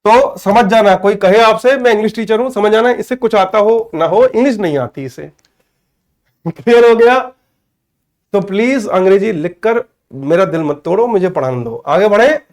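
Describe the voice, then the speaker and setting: A man with an Indian accent teaching an online English grammar class, calling students by name, checking they follow, and saying English phrases slowly word by word. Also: sits high, lively intonation, a little mellow. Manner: addresses students by name, asks "clear?" often; mixes Hindi with slow, spelled-out English.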